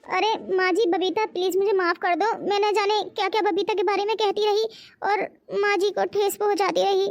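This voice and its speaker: A gossipy young sister-in-law in a comic cartoon, voiced by a woman. She needles and stirs trouble in a very high, sharp-edged voice. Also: little pitch movement, a little fast, dry recording. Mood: apologetic. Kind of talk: cartoon voice acting.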